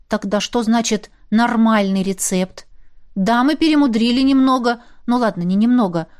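A woman narrating a first-person fantasy audiobook in a wry, expressive way. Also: on the high side.

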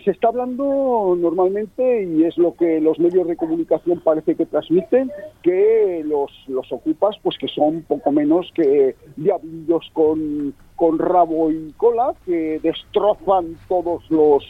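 A man's voice: fairly high pitch, measured pace, breathy edge, no room sound. Man calling in over a tinny phone. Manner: polite, hesitant, chatty. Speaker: radio caller. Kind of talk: call-in comment on talk radio. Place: bar terrace outdoors in a village. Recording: tinny muffled phone line.

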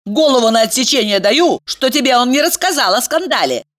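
A woman's voice: expressive, brisk, a bit bright. A woman voicing a bossy, scheming young woman who scolds and shrieks at her friend. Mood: scolding, shrill. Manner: shrill, scolding, sarcastic.

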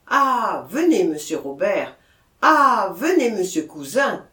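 A reader voicing a worried village mayor who coaxes a confession gently, in a storybook reading with a roomy echo. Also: mid-range voice, very animated, a little slow. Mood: coaxing. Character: kindly, worried village mayor, older man.

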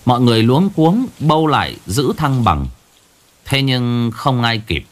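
A man's voice: mid-range voice, sing-song, a little slow. A man narrating a ghost story dramatically.

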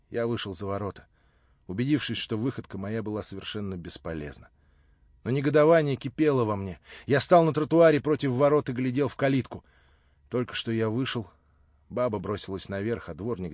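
A man narrating a classic novel in a measured, subdued way. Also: on the low side, a little mellow, dry recording. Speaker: audiobook narrator. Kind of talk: scripted literary narration. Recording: slightly dull lo-fi audio.

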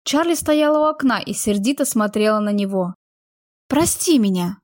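A woman narrating a romance novel as an audiobook, in a steady, expressive storytelling manner. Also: medium pitch, a little fast, dry recording, clean studio sound.

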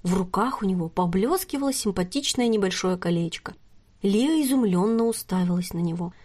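A woman's voice: mid-range voice, animated, a little fast, darkish tone. Woman narrating an audiobook.

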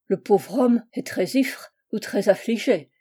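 Storybook role: female reader voicing a brash tipsy male spirit, German accent, mangled consonants, soft warm tone. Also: medium pitch, unhurried, breathy edge. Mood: soothing. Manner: slurred mangled consonants, loud and blustering.

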